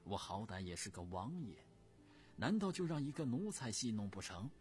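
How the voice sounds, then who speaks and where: A man voicing a hot-headed prince who protests loudly and indignantly. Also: fairly low pitch, sing-song, moderate pace, faint music behind. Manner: loud, indignant. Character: hot-headed middle-aged prince, blustering.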